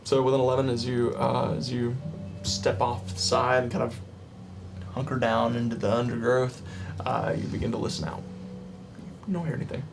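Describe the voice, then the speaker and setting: A man narrating a tabletop role-playing game as game master, often halting and searching for words. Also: medium pitch, flat delivery, music in the background. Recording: distant mic, clear background noise.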